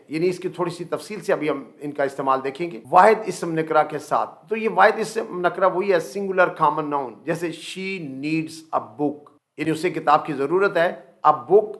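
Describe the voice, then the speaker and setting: A middle-aged man with a Pakistani accent gives a grammar lecture in a fairly high voice. He explains each point step by step and slows right down to spell out every example sentence. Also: fairly bright tone. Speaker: English grammar teacher. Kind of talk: classroom lecture.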